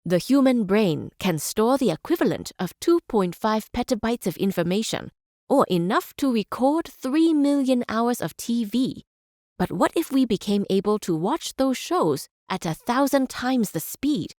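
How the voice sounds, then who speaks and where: A woman's voice: fairly high pitch, expressive, measured pace, darkish tone, dry recording, clean studio sound. An actress playing a learned, visionary woman scientist and chancellor, giving earnest, articulate speeches in a strategy game. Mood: lecturing.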